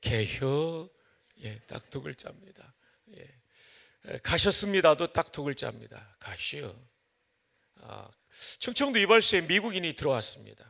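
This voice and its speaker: A man's voice: on the high side, sing-song, normal speed, creaky, pushed and bright. A man from Chungcheong preaching an early-morning revival sermon in a church, mixing folksy jokes with emphatic teaching. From Chungcheong, Korea. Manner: folksy joking storyteller, then emphatic preaching. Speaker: pastor.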